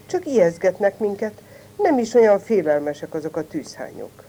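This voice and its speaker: A woman's voice: mid-range voice, sing-song. A woman voicing a small, boastful but cowardly fox cub in a storybook tale, talking big and stammering when scared. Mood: musing. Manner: brags loudly, then stammers with fright.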